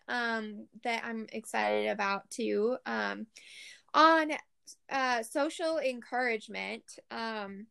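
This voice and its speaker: A woman's voice: a little high, creaky, pushed and bright, smooth. A woman hosting a podcast interview, talking earnestly with many fillers and restarts. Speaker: podcast host. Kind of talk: conversational interview.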